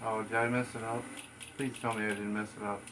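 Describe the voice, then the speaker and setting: A man's voice: fairly low pitch, level tone, quick pace. Man playing a game, noisy background. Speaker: gamer reading game dialogue aloud. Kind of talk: casual let's play, reading dialogue aloud. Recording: noticeable background noise.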